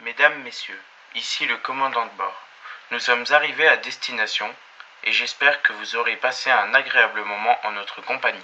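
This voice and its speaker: A man's voice: mid-range voice, fairly even intonation, brisk, bright, forceful tone. A man doing an airline captain on the intercom. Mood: formal. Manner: formal announcer delivery. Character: male airline captain making a cabin announcement. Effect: muffled cabin intercom announcement. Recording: muffled intercom sound with faint hiss.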